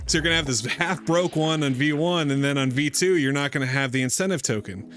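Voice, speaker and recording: A man's voice: fairly high pitch, brisk, fairly bright tone. Man, livestream host, casual rambling chat, fired up, faint music behind. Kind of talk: casual crypto livestream talk.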